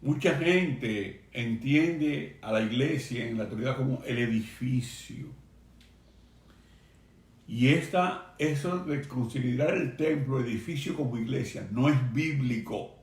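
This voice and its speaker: Earnest man preaching in an echoey room. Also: medium pitch. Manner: earnest, emphatic preaching with slow stressed phrases. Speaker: pastor. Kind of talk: sermon. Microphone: video stream for a remote congregation.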